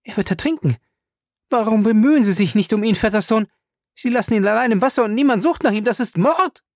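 Ein Mann spricht eine hitzige, empörte junge Ehefrau in einer Hörbuchlesung, mit hoher, schneller, schriller Stimme. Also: male voice, big pitch swings, a little mellow, dry recording, clean studio sound. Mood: frantic. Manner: high, fast, shrill outbursts. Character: Fay, a fiery, indignant young wife.

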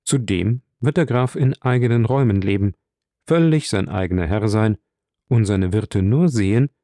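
A man's voice: fairly low pitch, expressive, moderate pace, dark tone, dry recording, clean studio sound, close to an everyday voice. A man reading the part of a sincere, earnest young officer in a plain way in an audiobook.

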